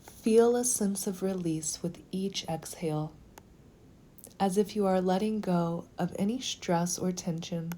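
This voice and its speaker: In a slow, gentle, soothing way, a woman with a fairly low voice guides a meditation. Some of her phrases soften almost to a whisper.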